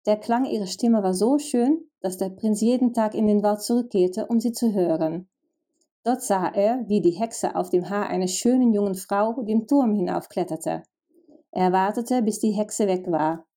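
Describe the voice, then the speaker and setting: A woman narrating a fairy tale, gently addressing the listener directly. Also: medium pitch, moderate pace. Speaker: storyteller.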